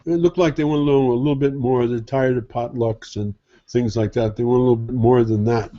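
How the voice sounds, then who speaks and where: With a mellow, mid-range voice and fairly even intonation, a male Sufi teacher speaks a little fast in an informal sermon. He talks conversationally, poses rhetorical questions, and imitates others' attitudes, all captured on a dull, lo-fi recording.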